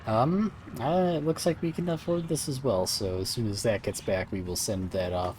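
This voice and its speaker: A man's voice: medium pitch, moderate pace, darkish tone, a little hiss or hum. A man streaming a video game, talking casually to viewers and thinking aloud with fillers and playful asides.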